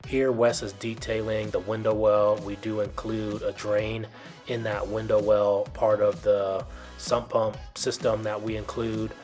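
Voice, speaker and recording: A man with a fairly low voice narrates a walkthrough video as a builder's guide. His delivery is fairly even, plain and instructive, with informal phrasing. Music plays clearly behind him. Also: a little slow. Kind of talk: explanatory video tour narration.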